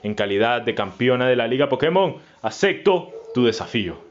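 A man reading aloud the lines of a calm adult female league champion in his own voice, with a measured delivery. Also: medium pitch, dull audio, lightly acted. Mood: solemn.

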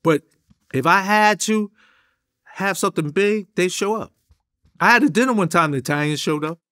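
This middle-aged man speaks with a New York accent and a high-pitched, pushed, bright voice at a moderate pace. As an interview guest he delivers animated street storytelling, emphatic, streetwise, full of slang, with gestures along the way. He is recorded in an indoor studio featuring a drum kit.

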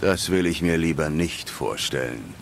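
Deep gravelly stoic monster hunter. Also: male voice, unhurried, a little hiss or hum, heavily acted. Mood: stoic, dry. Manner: laconic, deadpan. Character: terse stoic male monster hunter, gruff and dry. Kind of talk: scripted video game dialogue in German dub.

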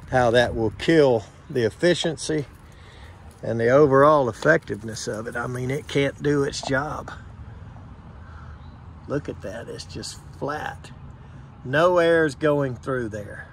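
An HVAC technician stands outdoors beside air conditioner units, explaining the job in a plain, unhurried way and pointing things out step by step. He has a mid-range voice, and the handheld phone camera recording carries a little hiss or hum.

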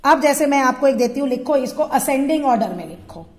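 Woman math teacher, high voice, patient, asks and answers own questions, long reverb. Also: animated, fairly quick, darkish tone. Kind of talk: classroom-style tutorial explaining at a board.

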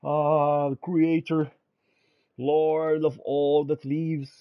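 In this clip a man stays in character as he plays a fantasy game, mixing old-fashioned theatrical lines with offhand remarks. His voice is on the high side and level in tone, and he speaks very slowly. The audio has no echo but is narrow and tinny.

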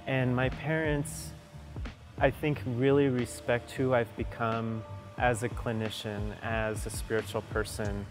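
A man's voice: mid-range voice, flat delivery, measured pace. A man, a clinician, giving earnest, heartfelt interview answers with a few hesitations. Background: music.

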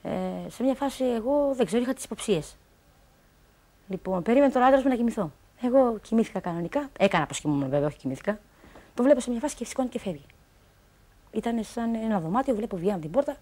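A woman's voice: fairly high pitch, expressive, warm tone. A woman telling a personal story on a talk show, rambling along, quoting what others told her and filling gaps with stock phrases.

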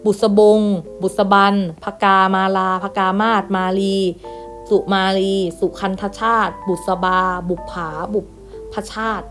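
Female primary teacher, patient list-reading lesson voice, mid pitch, faint music underneath. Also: fairly even intonation, takes it slowly. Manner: patient, reads each word aloud and repeats with gentle "na kha" tags. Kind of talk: online class lesson, reading word lists.

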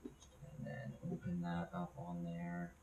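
A man's voice: deep voice, completely flat delivery, slow, dark tone, slight background noise. A young man vlogging casually from home, rambling and swearing with lots of restarts. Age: young adult. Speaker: gaming YouTuber. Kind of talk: casual vlog talk. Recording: echoey, dull lo-fi home recording.

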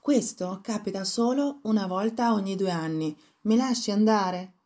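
A woman's voice: medium pitch, normal speed, a little mellow, close to an everyday voice. A woman voicing a sly greedy cat. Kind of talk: storybook reading.

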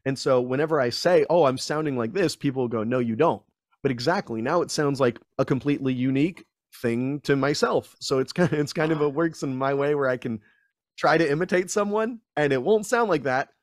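A young guest voice actor chats in a casual interview over a video call from a small room at home, using a studio mic. He's chatty and self-deprecating, rambling with restarts in a fairly quick, mid-range voice; the sound is dry and close, with no echo.

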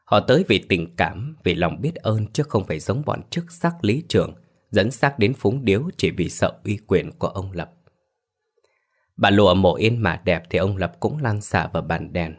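A man narrating a ghost story in a scripted, measured and grave manner. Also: low-pitched.

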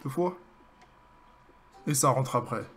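A young man with a French accent commentating his own basketball video game, excitable and joking as he hypes his plays. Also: medium pitch, slow pace. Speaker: gaming streamer. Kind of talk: live gameplay commentary.

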